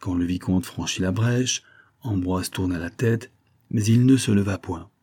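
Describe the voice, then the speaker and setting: Low husky male audiobook narrator. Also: mellow. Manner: measured, classic storytelling. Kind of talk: scripted narration.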